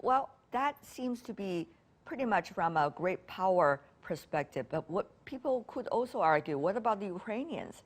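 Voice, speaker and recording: A woman's voice: mid-range voice, very animated, moderate pace. A woman interviewing a guest, posing thoughtful questions with some hesitation.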